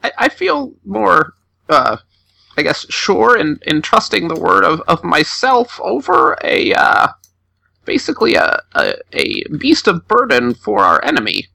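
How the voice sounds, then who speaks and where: A man playing a tabletop game, hesitant and halting as he thinks aloud. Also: high-pitched, wildly swooping pitch, creaky, pushed and bright, no room sound. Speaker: player.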